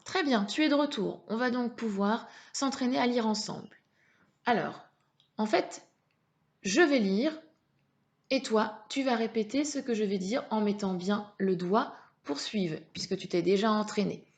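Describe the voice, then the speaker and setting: Female primary teacher, slightly high voice, slow patient delivery for a young child's reading lesson. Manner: slow, patient, syllable-by-syllable dictation.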